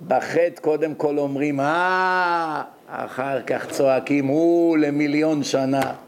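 A man's voice: fairly high pitch, little pitch movement, creaky, a little mellow, a little hiss or hum. A man voicing a father who patiently explains a lesson to his son in a sermon story. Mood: teaching.

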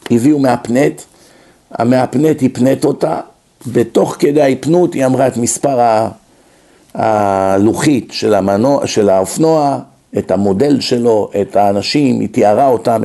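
A man giving a lecture, telling stories and acting out quoted dialogue as he goes. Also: warm tone. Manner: storytelling, acts out quoted dialogue with shifts in pitch. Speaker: religious lecturer. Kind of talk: lecture on the mind and soul.

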